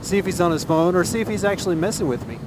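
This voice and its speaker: Higher-pitched male motovlogger talking inside a helmet. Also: animated, rapid-fire. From Texas, USA. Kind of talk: casual opinion monologue while riding. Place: inside a motorcycle helmet, outdoors on the road. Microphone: helmet microphone. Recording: inside a helmet, loud wind and engine noise.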